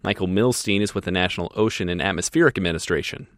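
A male reporter reads a scripted radio news piece. His voice is fairly low, and the recording is dry and close. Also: fast talker, no room sound.

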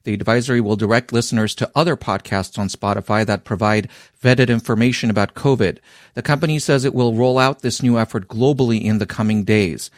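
A man's voice: on the low side, a little fast, dry recording, studio quality. A man giving a scripted radio news report as a reporter.

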